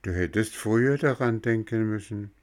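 A man voicing a kindly little marmot who gently explains a hard truth. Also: lowish voice, moderate pace, lightly acted. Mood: solemn. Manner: gentle and patient, lecturing softly. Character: kindly small marmot neighbor, gentle and wise.

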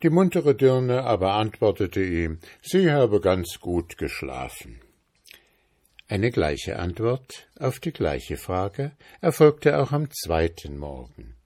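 Slow, low-voiced male storyteller. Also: no echo, clean studio sound. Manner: slow, even storyteller's reading. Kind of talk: storytelling reading of a folk tale.

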